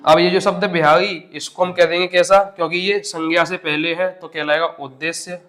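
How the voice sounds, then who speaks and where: A man's voice: high voice, little pitch movement, brisk, a bit bright. A man teaching an exam-prep grammar lesson step by step, asking questions and answering them himself.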